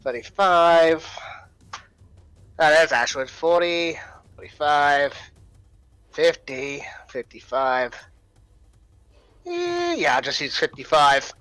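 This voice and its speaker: A man's voice: a little high, big pitch swings, slow, pauses often, sharp tone, clear, resonant tone, low-quality recording. A man talking casually as a player in an online tabletop game, chatty and laughing between moves.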